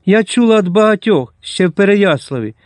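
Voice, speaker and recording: Палка шляхетна панна з аудіокниги, яку озвучує чоловік-читець, говорить благально й жваво, підносячи голос угору, і звучить сухо, без відлуння. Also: male voice, sits high, animated, brisk, a little mellow, no echo, clean studio sound, voice pushed up. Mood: eager, pleading. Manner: eager, pleading. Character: young woman, a noble daughter, passionate and easily moved.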